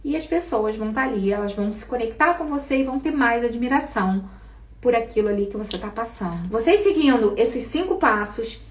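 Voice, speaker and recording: Brief: Brazilian woman coaching a class on speaking, fairly high voice, lively, recorded roomy from off the mic. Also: fairly quick, distant mic. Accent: Brazilian Portuguese. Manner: lively, asks the class questions. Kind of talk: live online class.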